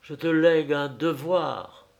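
A man voicing a dying old father who speaks gravely and in a measured way, rising to fervent curses. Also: fairly high pitch. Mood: solemn.

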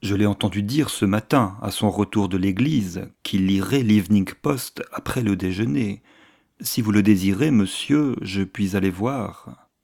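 A man's voice: on the low side, unhurried, gravelly, darkish tone. A man reading as a formal, deferential butler. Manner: formal, polite. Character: deferential old-fashioned male butler.

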